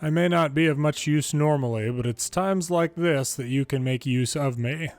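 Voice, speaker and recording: A man with a slightly high voice reads video game story text at normal speed, in the style of an amateur longplay narrator who drops casual comments. The recording is dry, with game music underneath.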